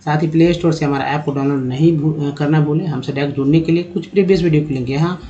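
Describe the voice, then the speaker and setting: A man giving a spoken English lesson, reading each word slowly, spelling out its letters and repeating it, and often calling his viewers friends. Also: a little high, fairly even intonation, mellow, lo-fi sound. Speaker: English teacher.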